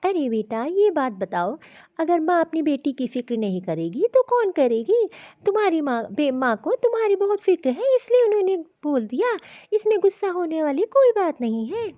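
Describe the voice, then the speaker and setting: Woman voicing a gentle mother-in-law. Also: extremely high pitch, big pitch swings, moderate pace, dry recording, muffled recording. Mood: coaxing. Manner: gentle, advising. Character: kind middle-aged mother-in-law.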